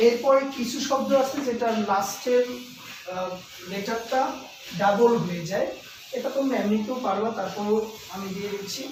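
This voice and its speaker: A man's voice: sits high, far from the mic. Echoey Bengali-accented male tutor from afar. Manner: explains slowly, repeats words, stretches English terms aloud. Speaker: English tutor. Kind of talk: classroom grammar lecture. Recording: echoey room, voice from afar, faint noise.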